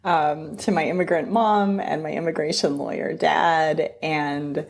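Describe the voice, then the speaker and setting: Speaking as a guest in a conversational interview, this Southern California woman, a middle-aged immigration attorney, recounts her story with warmth and many restarts. She has a deep, steady voice with vocal fry and a measured pace.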